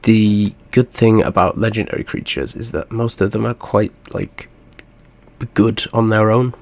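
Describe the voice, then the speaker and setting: A man with a nasal, stuffed-up voice from a cold, hosting a relaxed gaming video with easygoing, rambling chatter. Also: lowish voice, a little slow, vocal fry. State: congested, stuffy nose from a cold. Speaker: host. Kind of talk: casual gaming commentary.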